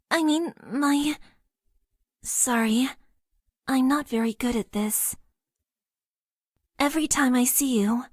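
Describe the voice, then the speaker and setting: In game voice lines for a dating game, a woman with a fairly high voice plays a formal, awkward young mecha pilot who is emotionally inexperienced. She is stiff and shy, using overly formal phrasing, earnest and deadpan with nervous stammers, recorded dry on a close studio mic with studio quality.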